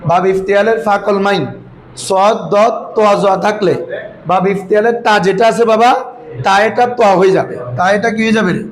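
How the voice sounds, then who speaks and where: A man teaching a classroom lesson, asking his students question after question, calling them by a fond name, and slowly reciting verses. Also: high-pitched, steady tone, poor audio. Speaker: Arabic grammar teacher.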